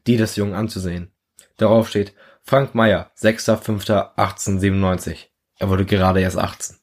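A man reading his own short story aloud in a measured, earnest second-person storytelling voice. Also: on the low side. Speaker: narrator.

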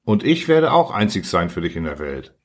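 A man voicing a patient, wistful male fox in an audiobook reading, earnest and coaxing, slightly husky. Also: sits low, big pitch swings, normal speed, full character voice. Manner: earnest, coaxing, explaining tenderly.

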